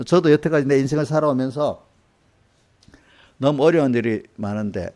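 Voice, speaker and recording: A man's voice: medium pitch, moderate pace, dark tone. An older man preaching a sermon as a pastor in a church, talking conversationally with rhetorical questions and acted-out quotes. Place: church sanctuary.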